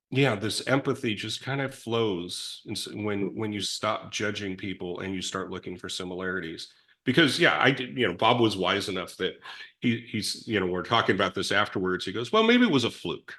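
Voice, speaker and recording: Animated and moderately paced, this middle-aged guest in recovery has a big, loud, lowish voice. He reflects on his story in a rambling way, restarting often and throwing in self-deprecating asides.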